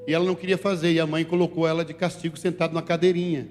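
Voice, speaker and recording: A male pastor from Brazil preaching a sermon, animated, moving between loud calls to the congregation and quiet asides. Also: on the high side, racing. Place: church sanctuary. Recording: reverberant church hall with faint music.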